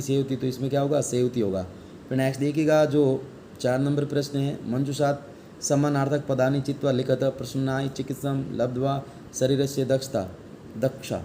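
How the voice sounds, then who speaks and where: A man's voice: mid-range voice, mellow, slight background noise. A male teacher giving an online class lesson, reading Sanskrit text aloud and explaining it in Hindi, asking the class questions and answering them himself.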